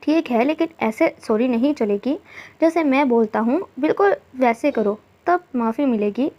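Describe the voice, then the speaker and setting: A woman's voice: high voice, lively intonation, normal speed. A woman voicing a playful, teasing young husband in a storybook reading. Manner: teasing, affectionate. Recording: dull lo-fi recording.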